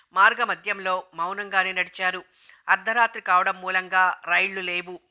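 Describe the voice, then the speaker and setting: A woman reading a detective novel aloud in an even, measured storytelling manner. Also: mid-range voice. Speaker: audiobook narrator. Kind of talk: scripted narration of a detective novel.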